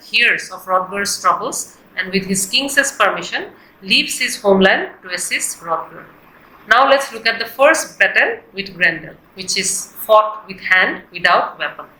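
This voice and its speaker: A woman giving a scripted, explanatory literature lesson in a deliberate, textbook-like manner. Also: medium pitch, pushed and bright. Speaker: literature teacher. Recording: echoey, roomy sound.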